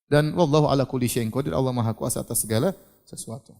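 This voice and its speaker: A man giving a religious lecture, animated and questioning, who asks his audience questions and acts out scenes. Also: mid-range voice, fast, vocal fry. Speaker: preacher.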